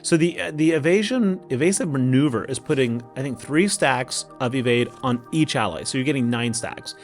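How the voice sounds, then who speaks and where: A man's voice: medium pitch, normal speed. A man with an Oklahoma accent giving casual strategy commentary as host of a gaming video, talking to himself in a folksy way. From Oklahoma, United States. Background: music.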